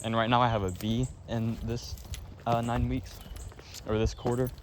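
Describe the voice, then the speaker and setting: A tired teenage boy with a stuffy nose, rambling casually about school with many fillers and quick apologies. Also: mid-range voice, flat delivery. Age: teens. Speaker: student vlogger. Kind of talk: casual chat. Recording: noisy background.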